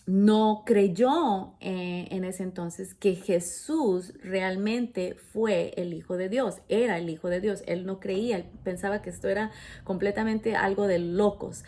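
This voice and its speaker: A woman's voice: mid-range voice, dark tone. A woman pastor giving an emphatic sermon, reading scripture aloud and often correcting herself mid-phrase. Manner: slow, emphatic preaching with self-corrections.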